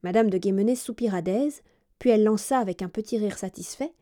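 A woman reading a children's historical story in a measured, expressive narration. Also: medium pitch.

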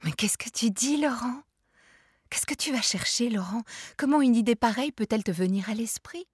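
A woman reading aloud as a patient, gentle mother soothing her child, her voice soft and dropping to whispers. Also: fairly high pitch, expressive, normal speed, husky, dry recording, studio quality, voice pushed up. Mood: surprised.

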